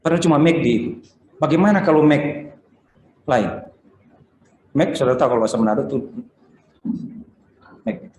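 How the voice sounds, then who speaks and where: A man preaching a sermon as pastor, telling stories with acted-out dialogue in an animated way. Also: fairly high pitch, moderate pace, pauses often, echoey room.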